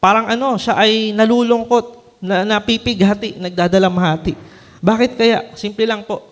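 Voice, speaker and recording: A man's voice: sits high, fairly even intonation, moderate pace, long reverb tail. A man from the Philippines, a preacher giving a conversational sermon, often checking in with his listeners through short tag questions. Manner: conversational, frequent tag questions and light laughs.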